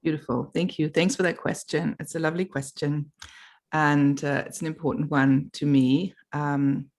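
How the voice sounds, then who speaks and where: A middle-aged woman from Germany, a guest artist speaking thoughtfully on a panel over a video call, pausing often with fillers. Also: deep voice, steady tone. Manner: thoughtful, warm, with fillers and pauses. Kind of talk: panel talk. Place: home.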